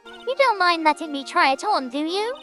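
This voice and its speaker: A woman's voice: extremely high pitch, animated, normal speed, pushed and bright, faint music behind, full character voice. A woman doing a sugary flirty circus animal tamer. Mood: sweet. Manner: sweet, wheedling.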